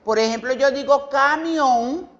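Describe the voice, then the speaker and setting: A woman's voice: fairly high pitch, expressive, measured pace, highs cut off. A woman teacher from Venezuela giving a recorded grammar lesson to children, patiently repeating example words, with some hesitant fillers and self-corrections.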